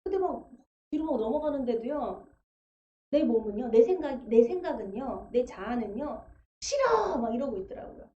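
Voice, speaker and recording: High-voiced woman preaching in an echoey church. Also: lively intonation, moderate pace, warm tone. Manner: vivid storytelling, acting out quoted voices. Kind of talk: testimony sermon. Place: church sanctuary. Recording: echoey church livestream, dull sound.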